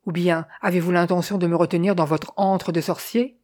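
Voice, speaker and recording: A woman's voice: on the low side, steady tone, a little fast, close to an everyday voice. A woman reading an audiobook voices a proud male crime writer who speaks insolently and with cutting anger. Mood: indignant. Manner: insolent, sharp and heated.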